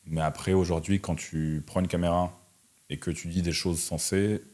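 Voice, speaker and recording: An interview guest from Russia, a twenty-something entrepreneur and online content creator, speaks in a very low, darkish voice at a moderate pace. His tone stays level as he gives casual, slangy answers sprinkled with conversational tags.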